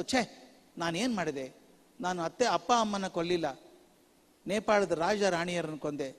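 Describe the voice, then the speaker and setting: An older man giving a lively lecture on parenting to teachers, acting out parents and children in quick asides. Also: high-pitched. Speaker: speaker on parenting at a teachers' conference. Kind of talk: lecture mixing Kannada and English. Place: large hall. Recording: long hall reverb.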